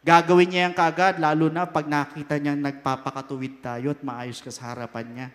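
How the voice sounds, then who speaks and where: A man with a Filipino accent preaching a sermon, emphatic and swinging between loud and soft. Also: on the high side, little pitch movement, a little fast. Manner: mixes Tagalog and English. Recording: long hall reverb.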